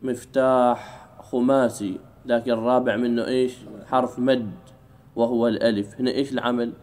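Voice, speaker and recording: A man teaching an Arabic grammar lesson in a classroom, drawing out key words slowly and keeping the class engaged with questions. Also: mid-range voice, flat delivery, darkish tone. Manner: drawls key words slowly, keeps asking "what?".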